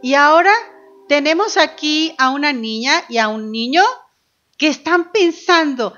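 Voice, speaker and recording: A woman's voice: sits high, animated, a little slow, fairly bright tone, highs cut off. A woman teacher giving a children's phonics lesson, patiently sounding out letters and syllables one by one.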